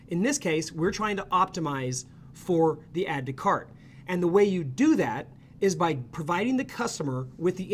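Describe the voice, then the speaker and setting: Leading viewers through his screen-share tutorial, an upbeat, chatty ecommerce consultant checks in with "okay?" and "right?" as he finishes each point. His voice leans high.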